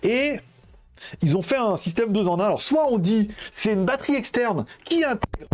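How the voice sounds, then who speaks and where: A man's voice: sits high, animated, normal speed, noisy background. A young man chatting casually with viewers while hosting a live-stream giveaway, rambling and informal, with lots of fillers. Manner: addresses viewers directly.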